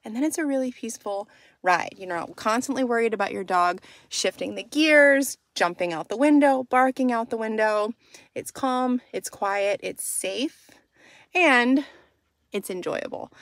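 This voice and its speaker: A woman in her thirties, a dog trainer, talking calmly and upbeat to a phone camera from a car. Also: a little high, no room sound. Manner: calm, upbeat, explanatory. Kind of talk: casual instructional vlog. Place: inside a parked car, then outdoors on a street. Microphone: phone camera held at arm's length. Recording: noisy car and street ambience.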